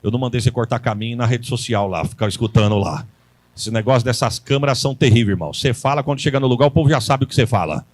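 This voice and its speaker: A man's voice: medium pitch, racing, dry recording. A Brazilian man preaching a live church sermon, telling homely stories and rising into fervent calls for the congregation to respond. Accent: Brazilian Portuguese. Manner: folksy storyteller who rises into fervent calls to the congregation. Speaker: pastor. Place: church service with congregation and musicians.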